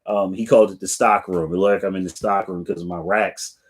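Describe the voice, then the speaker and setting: A middle-aged man with a low, deep voice talks in an easygoing, unhurried way, addressing his viewers directly. His chat is loose and full of fillers, like a relaxed livestream from his sneaker stock room. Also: husky. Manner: laid-back, chatty, talks straight to viewers with fillers. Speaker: sneaker channel host. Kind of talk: casual live chat to viewers. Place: home room lined with sneaker racks.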